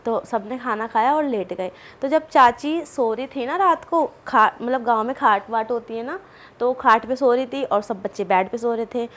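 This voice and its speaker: A woman telling a personal story as a podcast guest, chatty and animated, full of asides and fillers. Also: a little high, moderate pace. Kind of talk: casual storytelling.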